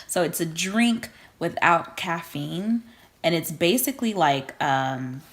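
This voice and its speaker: A woman's voice: fairly low pitch, animated, slow. Playful woman chatting in a vlog. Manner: playful, teasing, laughs often. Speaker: vlog co-host. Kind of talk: casual chat.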